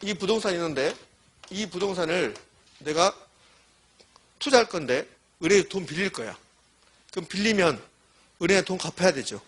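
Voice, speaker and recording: A man's voice: high-pitched, husky. A middle-aged man giving a classroom lecture, quizzing students and answering his own questions while repeating key terms. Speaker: real estate exam lecturer.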